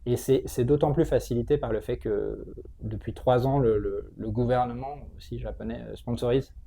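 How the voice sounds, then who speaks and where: Guy in an interview, kinda gravelly mellow voice, lots of searching for words, bit of background noise. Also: medium pitch, steady tone, normal speed. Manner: hesitant, explanatory, often repeats words while searching. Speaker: interview guest, tech training school entrepreneur. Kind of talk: conversational interview answers.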